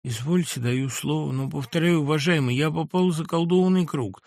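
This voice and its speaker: A man's voice: on the high side, brisk, creaky, darkish tone, no echo. A man voicing a nervous, bitter middle-aged male doctor in an audiobook, swinging between rage and weary resignation. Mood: resigned. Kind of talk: audiobook character reading.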